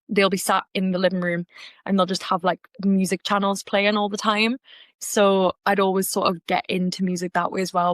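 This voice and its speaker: This Geordie speaker, a young adult from Gateshead, has a medium-pitched, slightly bright voice captured in a dry recording. Chatting casually as an interview guest on a podcast, she fills her talk with restarts and filler words.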